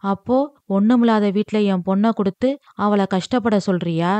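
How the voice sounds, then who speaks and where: A woman's voice: mid-range voice, normal speed, warm tone, no room sound, natural voice. Lady doing a reproachful old mom scolding her son, dry close sound. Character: older widowed mother demanding lavish gifts.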